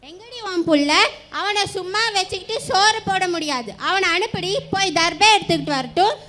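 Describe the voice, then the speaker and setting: A school student voicing a harsh, scolding Brahmin wife in a stage play. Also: female voice, very high-pitched, a little fast. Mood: bossy. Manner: sharp, scolding.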